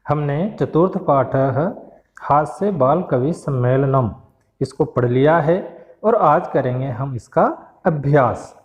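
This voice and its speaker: A man's voice: medium pitch, slow, long reverb tail, lo-fi sound. A male teacher giving a recorded class lesson. He reads each word aloud, then explains it plainly.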